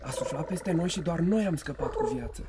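A woman's voice: low voice, animated, very noisy. A woman voicing a solemn wild pigeon in a radio play.

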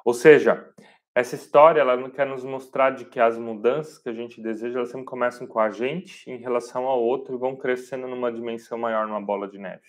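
A man's voice: mid-range voice, steady tone. Earnest Brazilian man hosting a devotional live. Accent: Brazilian Portuguese. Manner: earnest, speaks straight to viewers with slow emphatic phrasing. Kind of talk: live-streamed devotional talk.

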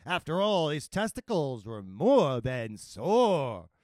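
A man narrating a comic fantasy story in a playful, expressive way. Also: fairly high pitch, takes it slowly, no echo, studio quality.

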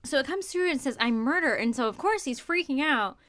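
Animated young woman telling a spooky story. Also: high-pitched, fairly quick. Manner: animated, filler-heavy retelling of a ghost hunt. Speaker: podcast co-host. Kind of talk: casual chat storytelling.

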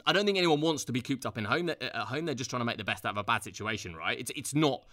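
A man's voice: mid-range voice, lively intonation, fast, bright, forceful tone. A man co-hosting a casual podcast, rambling with many restarts. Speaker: podcast co-host.

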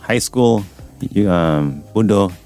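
A man speaks as a doctor and radio guest. His voice is very low, and he explains things in a relaxed way, with the odd "um" as he thinks. Faint music sits in the studio background. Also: slow pace. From Uganda. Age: 40s. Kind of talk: radio interview.

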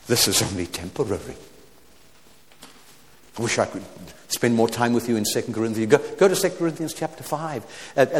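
A man in his seventies preaching a sermon, swinging from loud exclamations to quiet asides, with stammered restarts and wry humorous remarks. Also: mid-range voice, long reverb tail. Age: 70s.

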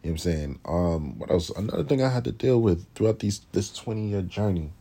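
A man's voice: lowish voice, a little fast, creaky, slightly rough. A man, a classical pianist telling his story in a blunt, profane, casual way. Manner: blunt and profane, with animated impressions of others.

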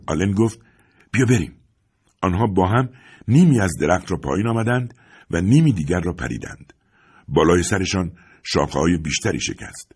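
Deep, husky male storyteller. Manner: expressive storytelling with lively swings. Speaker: narrator. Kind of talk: audiobook narration. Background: faint music.

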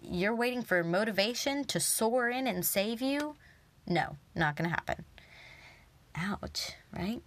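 A young woman giving an earnest, animated motivational talk, sometimes dropping to a whisper for emphasis. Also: a little high, normal speed. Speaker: motivational speaker.

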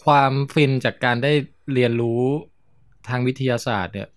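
A man chatting casually on a podcast, playful and joking. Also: medium pitch. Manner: playful, joking, fast-talking. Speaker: podcast guest.

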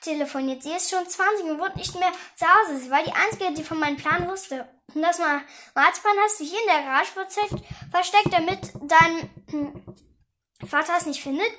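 A young woman with a very high voice reads a children's detective story aloud. She stumbles and restarts now and then, and gives the characters light voices as she goes. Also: fairly bright tone. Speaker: reader. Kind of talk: reading a children's book aloud.

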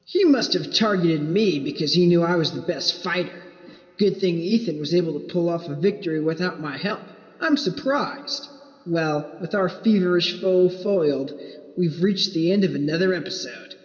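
A man's voice: fairly high pitch, moderate pace, muffled recording, lightly acted. A man playing a cocky, self-important young investigator hero in an audio drama, speaking boastfully. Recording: echoey hall, music behind.

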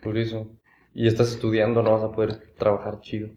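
A man's voice: lowish voice, monotone, brisk, warm tone, dull audio. A young man with a Mexican accent chatting casually with friends in crude, teasing slang. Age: young adult. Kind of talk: casual chat among friends. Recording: echoey room with background noise.

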